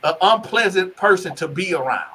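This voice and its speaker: Man, casual interview storytelling, rambling, repeats himself, bright tone, slightly high voice. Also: lively intonation, moderate pace, husky, rough recording. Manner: rambling, restarts and repeats words. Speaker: guest telling his life story.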